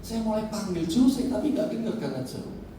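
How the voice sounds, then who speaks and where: A middle-aged man preaching a sermon as pastor, with passionate, drawn-out emphasis and sudden swings from soft to loud. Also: sits high, sing-song, slight background noise. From Indonesia. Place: large church hall. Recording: echoey church hall, mic at a distance.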